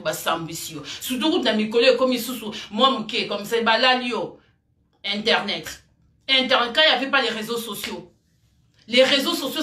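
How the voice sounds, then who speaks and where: Speaking straight to camera, a woman vlogger delivers emphatic, rambling commentary, repeating her points often and calling the viewer "ma chérie." Her voice is fairly high and sharp, with a reverberant sound.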